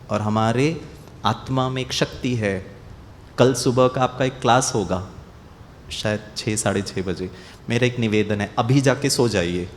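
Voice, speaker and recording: A man with an Indian accent giving a motivational talk to athletes, telling stories and acting out scoldings with lively shifts. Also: medium pitch, slight background noise. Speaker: motivational speaker.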